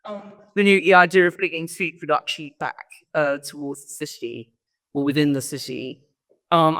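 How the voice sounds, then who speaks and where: A woman giving an informal conference talk as a guest speaker, rambling and often interrupting herself. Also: deep voice. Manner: rambling, self-interrupting storyteller. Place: large event hall. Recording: long hall reverb.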